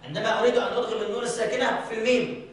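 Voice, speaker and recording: High-voiced teacher in an echoey mosque. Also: male voice, steady tone, a little hiss or hum. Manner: checks on students often, recites examples slowly and drawn out. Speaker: Quran recitation teacher. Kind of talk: classroom lesson with recited examples. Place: large mosque hall. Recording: very echoey hall, from far off.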